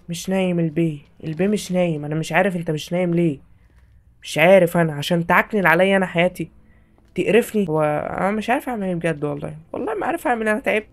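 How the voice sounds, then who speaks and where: A high-voiced young man with an Egyptian Arabic accent, talking fast as he plays a horror game. He swings between panic and exasperation, shouting at the characters, and soft music plays underneath. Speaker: gaming YouTuber. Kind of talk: horror game let's play commentary.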